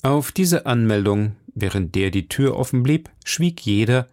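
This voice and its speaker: A man narrating a novel as an audiobook in a calm, measured voice. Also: medium pitch, no echo, studio quality. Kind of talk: scripted narration.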